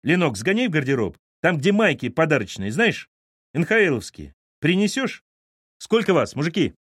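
Guy doing a loud jolly dad, booming, generous, bouncy voice. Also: big pitch swings, moderate pace, husky, no room sound, studio quality, heavily acted. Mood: jovial. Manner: boisterous, booming. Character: jovial generous hockey-player father Danila.

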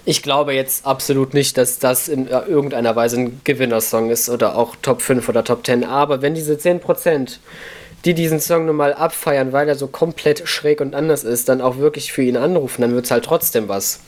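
A man co-hosting a chat podcast, frank and opinionated as he talks. His voice sits at a middle pitch, and his delivery is relaxed and conversational. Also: moderate pace. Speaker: podcast co-host. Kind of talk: casual chat.

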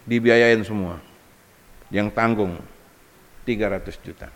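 A man's voice: on the low side, takes it slowly. A man preaching a humorous Islamic sermon, joking and acting out little scenes as he tells stories. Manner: joking, animated storytelling with acted-out quotes. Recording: long hall reverb.

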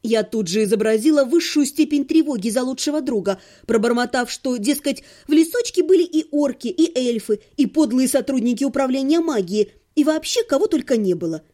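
A woman's voice: high-pitched, expressive, brisk, hardly any pauses, dark tone. A woman reading a humorous fantasy audiobook in the first person, with a wry, ironic manner. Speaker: audiobook narrator.

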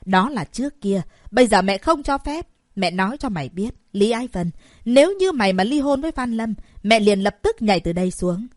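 A woman's voice: medium pitch, big pitch swings, normal speed, hardly any pauses, no echo, clean studio sound, lightly acted. A woman voicing a greedy, domineering middle-aged mother in an audiobook, scolding and wailing melodramatically. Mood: threatening. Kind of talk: audiobook character voice.

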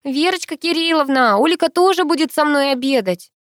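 A cheeky teenage girl, as a woman reader puts her on, loud and mocking, pitched up high with bouncy, lively swings. She sounds dry and close, like a storybook read straight to you. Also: a little fast, no room sound, close to an everyday voice. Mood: brash teasing. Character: teenage girl sister, brash and teasing.

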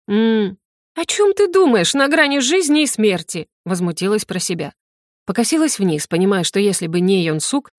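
A woman's voice: mid-range voice, dry recording, studio quality. Woman reading an audiobook. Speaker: audiobook reader. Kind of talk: scripted first-person narration.

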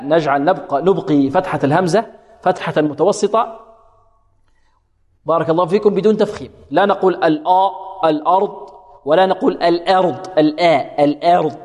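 A man with a somewhat high voice teaching Quran recitation. He poses questions to his students and answers them himself, stretching words out slowly to show how they should sound. His voice carries a long reverb. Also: darkish tone. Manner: asks questions and supplies answers, repeats words slowly to demonstrate. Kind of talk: tajweed lesson with demonstrated recitation.

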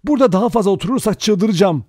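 A desperate young woman, her voice pitched high and quavering as she cries out in fear, put on by a male audiobook narrator. The pitch swoops around restlessly. The reading sounds close and dry, with no room around it. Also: lively intonation, rapid-fire, a little mellow, dry recording. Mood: panicked. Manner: cries out in a raised, trembling voice.

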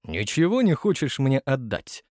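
A man's voice: mid-range voice, very animated, moderate pace, darkish tone, dry recording. Male narrator as steely showman curator, commanding, close dry sound. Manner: theatrical, commanding.

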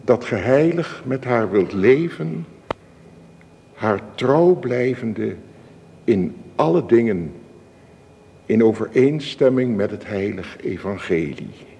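A solemn male minister officiates a wedding in a radio play, speaking very slowly, formally and ceremoniously in a measured way. His mid-range voice is mellow and expressive with a gravelly creak, set in long church-like reverb with some hiss.

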